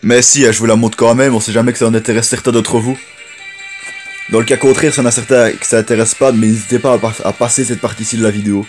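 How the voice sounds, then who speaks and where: A man's voice: medium pitch, fairly even intonation, fast, faint music behind. A man hosting a gameplay video, rambling and chatty in casual commentary. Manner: rambling, chatty, frequent restarts. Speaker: gaming video host.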